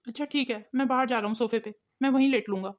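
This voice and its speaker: A woman's voice: fairly high pitch, steady tone, quick pace, natural voice. A woman voicing a meek, tired young husband in a cartoon, speaking in a weary, defeated way. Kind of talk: cartoon voice acting. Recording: muffled lo-fi recording.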